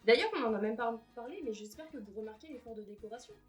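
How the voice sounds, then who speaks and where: A woman's voice: on the high side, fast, loud music behind the voice. A young woman vlogging casually at home, chatty and self-mocking, who swears when frustrated. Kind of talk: casual vlog chat. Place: apartment room, indoors.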